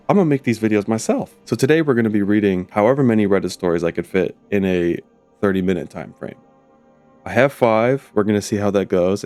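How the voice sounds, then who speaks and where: A man, still husky from getting over an illness, talks in a deep, lowish voice. He chats casually and excitably, swears freely and wanders off on tangents. Soft ambient music plays quietly behind him. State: voice rough from recovering from illness. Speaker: YouTube host reading Reddit stories. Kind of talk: casual reaction chat. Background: faint ambient music.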